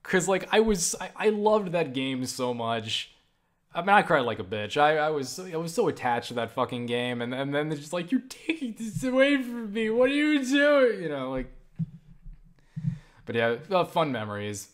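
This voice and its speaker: A young man answers viewer questions in a casual vlog, rambling, swearing, and animatedly restarting his sentences again and again. His voice is slightly high and his speed normal.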